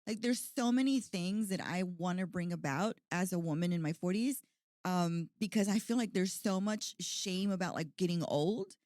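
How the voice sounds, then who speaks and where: A woman's voice: on the low side, moderate pace, darkish tone, no echo. Chatty woman in her forties, dry sound. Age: 40s. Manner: chatty, lots of "like" and "you know". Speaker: podcast host. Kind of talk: casual podcast chat.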